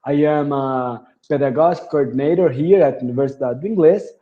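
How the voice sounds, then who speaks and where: A man in his thirties with a Brazilian Portuguese accent, teaching an online lesson and repeating phrases slowly with many fillers. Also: on the high side, lo-fi sound. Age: 30s. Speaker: English teacher. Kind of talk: online lesson with screen share.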